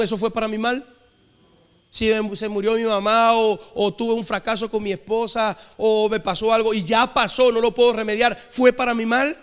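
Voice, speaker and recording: A man's voice: sits high, smooth. A man preaching a sermon, leading the congregation in repeated call-and-response phrases. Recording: long hall reverb.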